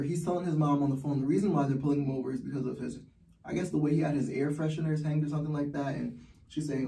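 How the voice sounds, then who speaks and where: A man's voice: medium pitch, gravelly, dark tone, recorded from a distance. A man giving heated, blunt personal commentary as a vlogger, swearing often. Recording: roomy echo, from the mic.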